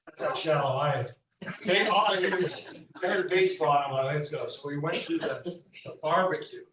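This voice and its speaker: In an echoey school hall, heard through a distant mic, a man pays off-the-cuff tribute at a memorial. His slightly high, fairly bright voice moves at a moderate pace as he shares stories in a chatty manner, laughing as he goes.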